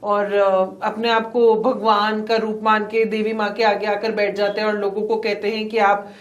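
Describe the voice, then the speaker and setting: A woman's voice: medium pitch, little pitch movement, moderate pace, reverberant, highs cut off. A woman hosting an interview who asks curious questions and often affirms her guest. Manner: inquisitive, with frequent affirming backchannels. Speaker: interviewer host.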